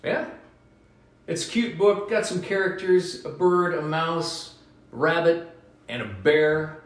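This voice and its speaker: A man hosting a live children's book reading from his home, telling the story in an animated, sing-song way. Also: a little high, measured pace. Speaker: radio host reading to kids. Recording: roomy home echo.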